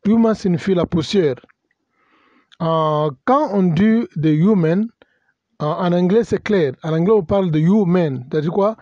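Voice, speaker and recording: High-voiced pastor teaching a sermon. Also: male voice, unhurried, warm tone, no echo, lo-fi sound. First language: bilingual English and French. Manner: spells out words letter by letter, mixes in English terms; hesitant, many fillers and self-corrections.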